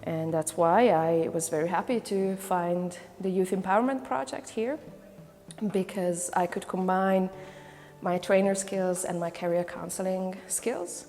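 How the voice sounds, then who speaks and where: A lowish, slightly mellow female voice with a long reverb tail belongs to a Hungarian volunteer trainer and career counselor. She walks through her project in a testimonial interview, thoughtful and halting, full of fillers and restarts.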